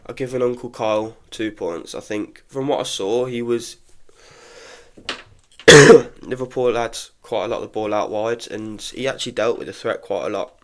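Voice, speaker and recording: A young man, congested from illness, records a casual solo football podcast full of frank, chatty opinions. His voice is medium-pitched at a moderate pace, and he restarts his sentences often.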